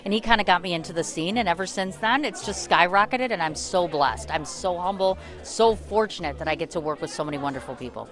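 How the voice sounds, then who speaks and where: A woman's voice: fairly low pitch, fast, few pauses, a bit bright. A woman speaking effusively and conversationally as an interview guest at an arts event. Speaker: radio host and writer, guest. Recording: faint music behind. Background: faint music at an event.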